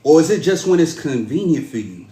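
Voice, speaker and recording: A man performing a spoken-word poem to a woman in a measured, dramatic, pleading delivery. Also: fairly high pitch, very animated, dark tone. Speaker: podcast host performing a poem. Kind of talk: spoken-word poetry recital. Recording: roomy echo.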